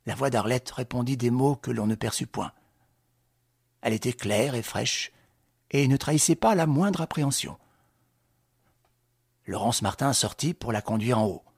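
A man reading a crime novel aloud in measured, dramatic scripted narration with a husky voice. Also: mid-range voice, darkish tone, no echo, studio quality. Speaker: audiobook reader.

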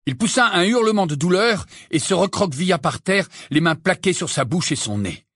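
A man reading an audiobook aloud with dramatic, expressive narration. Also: high-pitched, a little fast, dry recording, studio quality.

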